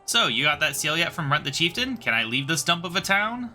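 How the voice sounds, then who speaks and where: A man's voice: a little high, sing-song, a little fast, bright, forceful tone, faint music behind, full character voice. A man voicing a rude, greedy male pirate in a game playthrough, sneering and insulting. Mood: scornful.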